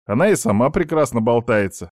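A man's voice: mid-range voice, big pitch swings, a little fast, no echo, voice pushed up, close to an everyday voice. Sarcastic teenage boy, voiced by a man, defiant, mocking, dry close sound. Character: cheeky teenage schoolboy, sulky and sarcastic.

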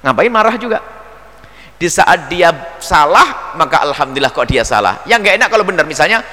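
A man's voice: a little high, fairly quick. A man preaching a religious lecture, playfully acting out little dialogues for his audience. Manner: lively, acts out dialogue, playful asides. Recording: long reverb hall.

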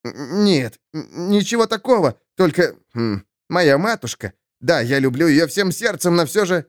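A man's voice: fairly high pitch, sing-song, measured pace, dry recording, clean studio sound, voice pushed up. A man voicing a timid, stammering man with a trembling voice in an audiobook story. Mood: nervous.

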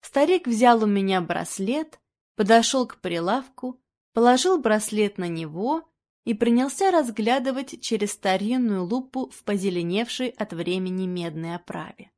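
Woman, storyteller, mid-pitched voice, expressive dramatic reading. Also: moderate pace. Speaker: narrator. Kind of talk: scripted narration of a story.

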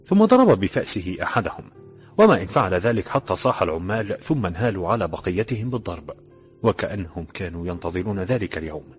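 A man narrating an audiobook in a steady, dramatic storytelling manner. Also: deep voice, quick pace, soft background music.

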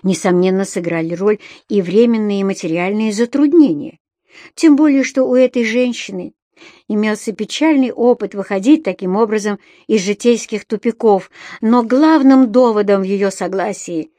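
Woman, audiobook narrator, measured expressive reading, mid pitch, dry studio sound. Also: no room sound. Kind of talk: scripted literary narration.

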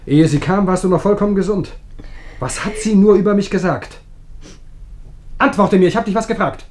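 An actor playing a coldly controlling young husband in a radio play, coaxing and threatening. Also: male voice, mid-range voice, very animated, normal speed, darkish tone, a little hiss or hum. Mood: angry.

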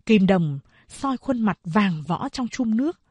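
A woman narrating an audiobook of a novel in a slow, steady storytelling voice. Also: medium pitch, husky, no room sound, highs cut off.

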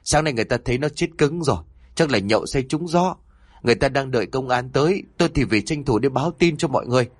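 A man voicing a panicked male neighbor who rushes out urgent news in a horror story. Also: medium pitch, lively intonation, no room sound, studio quality, lightly acted. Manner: hurried, breathless delivery.

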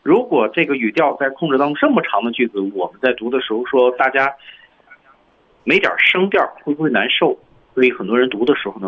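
A male guest teacher explaining English voice-over delivery, modelling lines with drawn-out stress, a little off-mic. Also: mid-range voice, slightly rough. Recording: dull lo-fi radio sound, voice a bit off-mic.

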